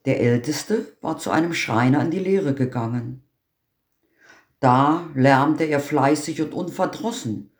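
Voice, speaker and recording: A man reading a fairy tale aloud in an unhurried, measured way, his voice sitting a little high. The recording has a roomy echo. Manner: slow, measured storytelling. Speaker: narrator.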